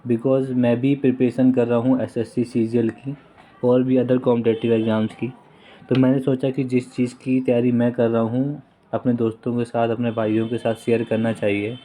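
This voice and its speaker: A man's voice: medium pitch, little pitch movement, moderate pace, warm tone. A man giving a casual vocabulary lesson, mixing Hindi with English words and repeating each word several times. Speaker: vocabulary tutor.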